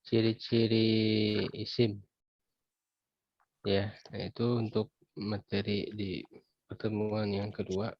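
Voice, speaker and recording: A man teaching Arabic grammar in an online class, explaining patiently and pausing to clear his throat. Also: on the low side, level tone, no room sound. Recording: dull lo-fi video call audio, dry.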